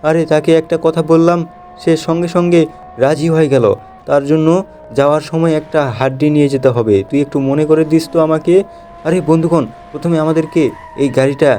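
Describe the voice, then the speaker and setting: A young man with a Bengali accent, chatting excitedly as a gameplay host talking to viewers. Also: fairly high pitch, slight background noise. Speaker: gaming channel host. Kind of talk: playful gameplay commentary.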